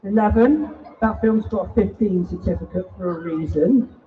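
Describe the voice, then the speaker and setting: Jokey man, high voice, distant. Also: normal speed, a little hiss or hum. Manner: jokey, teasing banter with the crowd. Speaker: bug show presenter. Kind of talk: live show talk to a family audience. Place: indoor event hall. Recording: muffled live stream mic from a distance.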